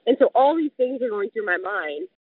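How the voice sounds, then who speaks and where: A woman's voice: fairly high pitch, big pitch swings, normal speed, slightly rough, dry recording. A woman vividly retelling a close call, peppering her talk with fillers of "like". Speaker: guest telling a survival story. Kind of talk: casual spoken storytelling. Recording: dry, tinny phone-like sound.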